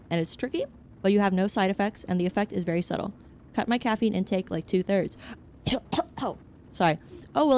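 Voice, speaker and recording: Casually answering her chat while she games, a young VTuber rambles from subject to subject with frank jokes. Her voice is mid-range and darkish, with a faint hiss or hum in the background.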